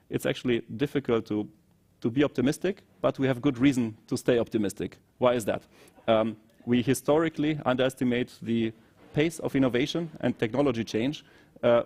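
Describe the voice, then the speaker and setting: A man with a German accent giving an expert overview as a consultant guest, measured and analytical with frequent fillers. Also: medium pitch, darkish tone. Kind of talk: expert briefing in conversation.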